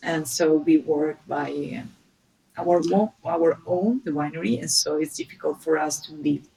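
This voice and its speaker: A low-voiced Italian woman with a gravelly edge talks in halting, searching English and laughs easily. She is a winemaker being interviewed in a casual online audio chat. Her voice sounds distant from the microphone. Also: fairly even intonation, a crowd in the background. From Friuli, Italy. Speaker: winemaker guest. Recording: distant from the mic.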